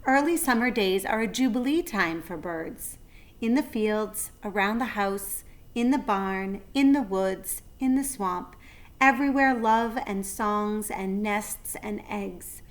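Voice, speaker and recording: A woman with a mid-range voice reads a children's story aloud, shaping her phrasing with deliberate expression.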